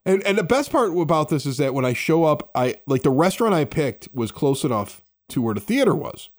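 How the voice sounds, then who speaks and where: A man's voice: a little high, a little fast. A man telling a long story in casual chat at a basement bar, acting out the people in it as he goes. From Chicago area. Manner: animated storyteller, acts out quoted people. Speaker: podcast host.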